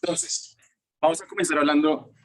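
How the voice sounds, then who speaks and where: A man's voice: a little high, little pitch movement, normal speed, a bit bright, slight background noise. A man teaching a classroom lecture that also goes out over Zoom, his voice ringing with heavy echo from a large room; easygoing and filler-heavy, he keeps quizzing the class. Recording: echoey room sound.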